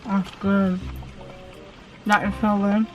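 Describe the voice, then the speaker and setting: A woman's voice: medium pitch, flat delivery, takes it slowly, lo-fi sound, music in the background. A young woman, chatting playfully in a parked car for a casual vlog, often giggling. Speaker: vlogger.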